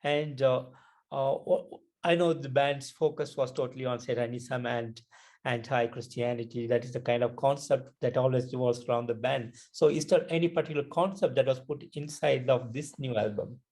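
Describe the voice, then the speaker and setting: Man, interviewer, dark mellow tone, medium pitch, polite admiring questions. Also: steady tone, normal speed. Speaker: music interviewer.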